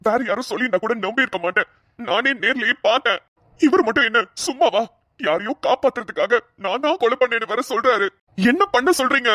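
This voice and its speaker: A woman's voice: fairly high pitch, fast talker, fairly bright tone, no echo, clean studio sound. A woman voicing a harried young male police officer who rants in exasperation, for a cartoon. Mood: exasperated. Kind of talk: dubbed cartoon voice acting.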